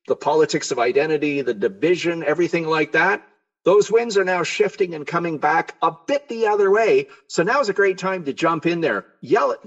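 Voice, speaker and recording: A middle-aged man talks urgently as an interview guest, hammering his points home in repeated lists. His voice sits slightly high for a man. The audio is dull and lo-fi, like a remote call. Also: husky. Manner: earnest, urgent, repetitive emphatic lists. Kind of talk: political interview talk.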